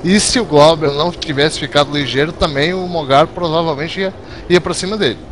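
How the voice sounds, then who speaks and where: A man's voice: on the high side, fairly quick. A man commenting on a motor race as an analyst, in a conversational style. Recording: noisy, car engine noise behind.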